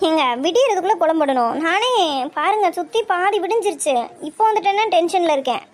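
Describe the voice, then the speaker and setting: This is a teasing, sharp-tongued young wife from a cartoon, voiced by a woman. Her voice sits very high, and her lines come out fast and scolding. She stays stubborn and playful throughout. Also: animated. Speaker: wife in a cartoon family story. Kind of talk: cartoon voice acting.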